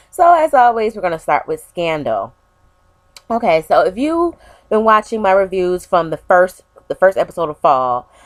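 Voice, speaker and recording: A woman's voice: lowish voice, no echo. Young woman vlogging tv reviews, kinda stuffy, chatty, dry close sound. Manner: animated, chatty, addresses viewers as "you guys". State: stuffy, unwell.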